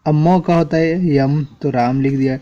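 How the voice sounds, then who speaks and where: A man's voice: on the high side, steady tone, a little slow, mellow, highs cut off. A man teaching an English spelling lesson at a board, spelling words out letter by letter and checking in with the class often.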